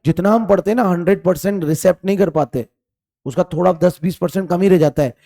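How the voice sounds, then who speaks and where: A male chemistry teacher leads an online exam-prep lesson. He speaks in a fairly high, mellow voice. He fires questions at the class, repeats them and sternly scolds students for answering lazily. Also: quick pace.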